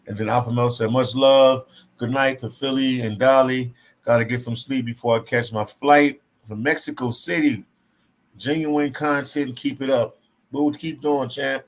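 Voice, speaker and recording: A man's voice: medium pitch, fairly even intonation, moderate pace. A man hosting a casual live stream, reading viewer comments aloud and teasing his co-host. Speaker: livestream host reading chat. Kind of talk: casual livestream chat.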